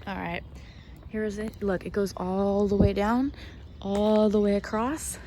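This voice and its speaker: A woman vlogging casually as she walks outdoors through a cemetery, excitable and foul-mouthed, often dropping into whispers. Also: medium pitch, measured pace, noisy background. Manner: excitable, swears freely, drops into whispers. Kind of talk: casual walking vlog.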